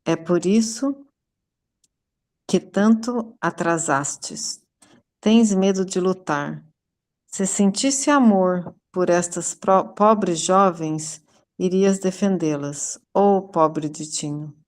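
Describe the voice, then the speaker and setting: Woman reading as a stern, kindly old priest. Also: fairly low pitch. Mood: gently reproachful. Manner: slow, plain reading of quoted lines.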